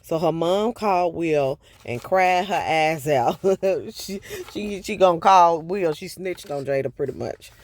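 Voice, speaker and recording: A man's voice: fairly high pitch, expressive, measured pace. A man casually retelling a book chapter for his viewers, in a loose, chatty way with asides to the audience. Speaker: book review vlogger.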